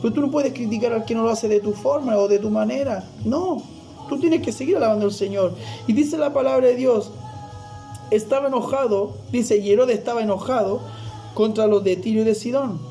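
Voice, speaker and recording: Man, preacher, fervent sermon, high voice, warm, faint music behind. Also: a little fast, creaky. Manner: fervent preaching, often addresses listener as brother.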